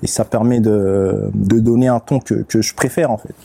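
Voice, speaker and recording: A man, a rapper and beatmaker, speaking as a guest in a casual interview, relaxed and unhurried, often pausing to search for his words. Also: on the low side, creaky, breathy edge. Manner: relaxed, unhurried, with many fillers and restarts.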